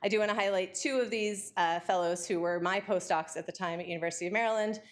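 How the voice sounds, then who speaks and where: A woman giving an academic lecture, talking quickly and excitedly with frequent fillers and restarts. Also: medium pitch.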